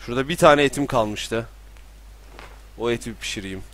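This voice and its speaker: Young guy streaming a game from his room, mid pitched voice, mutters to himself then yells when scared. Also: normal speed, a little hiss or hum. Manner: talks to himself, bursts into panicked yelling. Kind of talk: live gameplay commentary. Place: room at home with balcony door open.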